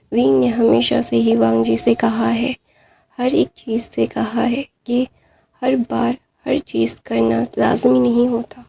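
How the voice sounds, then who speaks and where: A woman narrates a fan story in a loose, chatty way, often restarting her sentences. Her voice is husky, with a gravelly edge and a dark, mellow tone. She talks on a flat, even pitch. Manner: informal, with many fillers and restarts. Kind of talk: casual retelling of a fan story.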